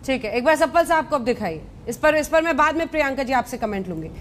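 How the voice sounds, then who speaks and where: A woman news anchor moderating a TV debate, brisk and interjecting as she presses guests with questions. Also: sits high, animated, slight background noise.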